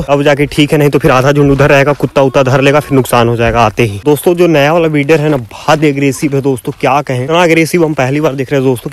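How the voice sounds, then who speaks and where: A man narrating a casual vlog outdoors on his goat farm, chatty and often calling out to his viewers, sometimes shouting at the goats. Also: medium pitch. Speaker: goat farmer and vlogger.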